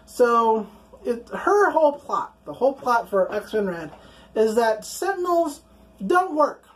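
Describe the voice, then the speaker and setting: Brief: woman comic reviewer, casual and profane, slightly high voice. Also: sing-song, slow. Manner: chatty, profane, full of "like" and "you know".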